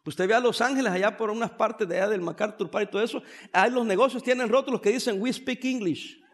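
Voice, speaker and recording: A man's voice: sits high, fast talker. A man, preaching a sermon as a pastor, joking and dropping in English phrases.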